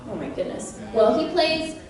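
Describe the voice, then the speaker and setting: A woman voice actress on a convention panel, chatty and animated, laughing often and quizzing the audience. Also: sits high, normal speed. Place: large convention panel room. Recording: very echoey hall from a distance.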